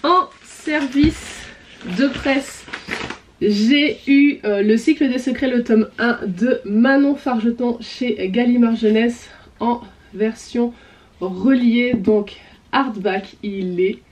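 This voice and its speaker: A woman's voice: on the high side, takes it slowly, darkish tone. A woman vlogger chatting casually about her books, with many fillers and a voice she says she is losing. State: losing her voice, clearing throat. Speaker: book vlogger. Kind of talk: casual chat.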